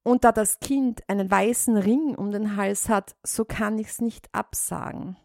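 A woman's voice: medium pitch, measured pace, creaky, no echo, studio quality. A woman voicing a sly, greedy female cat in a storybook reading, with a smug, honeyed manner.

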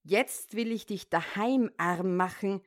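A woman voicing a small, vengeful sparrow in a storybook reading, with a sharp, taunting manner. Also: mid-range voice, slow pace, close to an everyday voice. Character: vengeful defiant little sparrow.

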